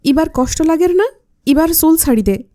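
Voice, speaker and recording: A woman's voice: high-pitched, expressive, normal speed, mellow, no room sound, clean studio sound, pitched above the performer's own voice. A woman voicing an old grandfather who scolds in the Chittagonian dialect. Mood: scolding. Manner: scolding, calling out. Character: old indulgent grandfather of the house.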